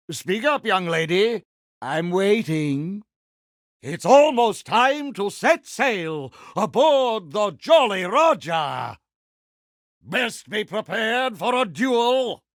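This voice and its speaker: A vain, villainous pirate captain for a video game. The voice is pitched high and swoops dramatically through grandiloquent phrases, drawn out at an unhurried pace with theatrical pomposity. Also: male voice, a bit bright, no room sound, studio quality, full character voice. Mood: indignant, menacing, then commanding. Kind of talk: video game character voice lines.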